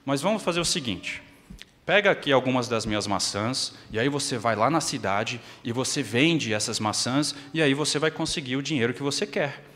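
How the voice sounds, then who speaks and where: A man voicing a gentle, generous talking tree in a children's story, coaxing and offering in a raised, soft storyteller voice. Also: medium pitch, animated, normal speed, lightly acted. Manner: coaxing, offering, softening to a hush over time. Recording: long church-hall reverb.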